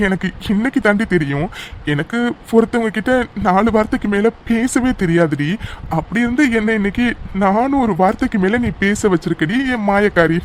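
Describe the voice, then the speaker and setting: Guy doing a young lover in a cartoon, high voice, earnest and sweet, a bit of faint noise behind. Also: animated, fairly quick. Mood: tender. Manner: earnest, affectionate, teasing. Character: young man, devoted lover, formerly grumpy. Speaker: narrating voice actor. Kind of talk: cartoon voice acting.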